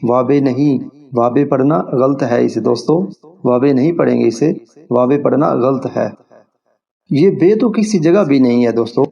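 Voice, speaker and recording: A man teaching how to recite the prayer correctly, speaking slowly and deliberately and sounding out words to demonstrate pronunciation. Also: mid-range voice, vocal fry, warm tone. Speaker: religious teacher. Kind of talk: instructional talk on prayer recitation. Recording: dull lo-fi recording.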